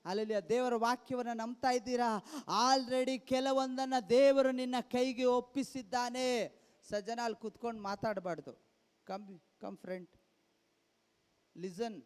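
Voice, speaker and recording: A man's voice: very high-pitched, steady tone, clean tone, big-room sound. A man preaching a sermon as pastor, stressing his points with repeated hallelujahs and reading scripture aloud. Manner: reads scripture aloud slowly and loudly. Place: church hall.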